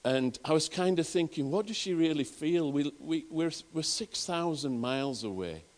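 A man's voice: on the high side, lively intonation, moderate pace. A man with a Northern English accent, preaching a sermon and telling personal stories in an earnest way, often restarting his phrases. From England. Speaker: pastor.

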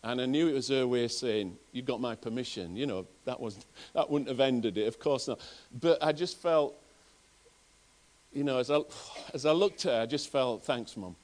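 Preaching to his congregation, this middle-aged English pastor speaks with a Northern accent in a mid-range, slightly mellow voice at a moderate pace. He shares personal stories earnestly during the sermon, often circling back and starting his words over.

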